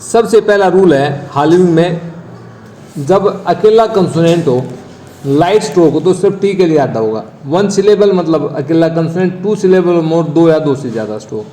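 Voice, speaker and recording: A man's voice: fairly high pitch, lively intonation, moderate pace, warm tone, reverberant, a little hiss or hum, poor audio. A man teaching shorthand, explaining each rule and then dictating lists of words for practice. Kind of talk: dictation lesson.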